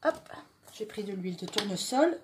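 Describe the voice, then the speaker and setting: A woman's voice: medium pitch, lively intonation, moderate pace, noisy background. A woman from southwest France, hosting a chatty home cooking demonstration in her kitchen. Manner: chatty, joking, talks while stirring. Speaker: home cooking video host.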